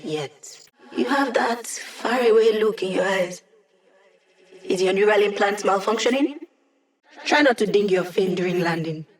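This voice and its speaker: A woman's voice: mid-range voice, measured pace, natural voice. A woman voicing a playful young female hacker in a video game, with a casual, wry, teasing manner.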